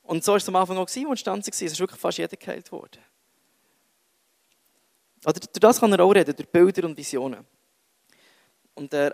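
A man's voice: high voice, vocal fry, no room sound. A young man with a Swiss German accent giving a casual, self-mocking sermon full of jokey asides. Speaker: youth preacher.

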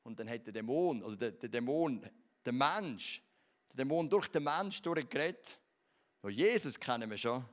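A middle-aged man with a Swiss German accent, preaching a sermon as pastor, lively and dropping soft to stress points. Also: medium pitch, moderate pace.

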